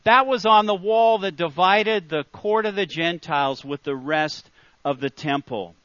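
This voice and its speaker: A man's voice: high-pitched, measured pace, fairly bright tone, no room sound, dull audio. A man preaching a sermon in an earnest, emphatic way, repeating his key phrases.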